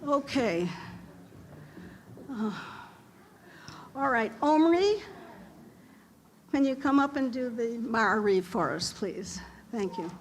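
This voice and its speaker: A woman leading a family service talks in a gentle, encouraging way, her voice a little high and her pace unhurried. The live recording is noisy, with the room's ambience heard behind her. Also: lively intonation. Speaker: service leader. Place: synagogue sanctuary.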